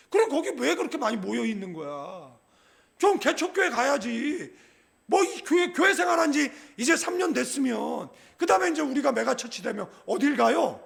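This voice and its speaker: A middle-aged male pastor giving a humorous, conversational sermon, often asking the congregation "예?" and acting out other people's words in a lower voice. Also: gravelly. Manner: humorous, conversational preaching with frequent call-and-response "예?"; acts out quoted people in a lower, softer voice. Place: church sanctuary.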